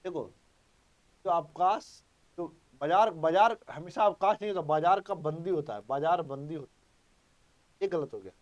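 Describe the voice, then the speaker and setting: Male exam-prep tutor, high voice, drills points with repetition and quick questions. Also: muffled recording. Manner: emphatic, repeats key points, quizzes students. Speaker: teacher. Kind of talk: exam-prep grammar lesson.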